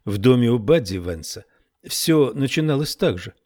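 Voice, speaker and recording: A man narrating an audiobook in a measured, even reading voice. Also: medium pitch. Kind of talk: scripted narration.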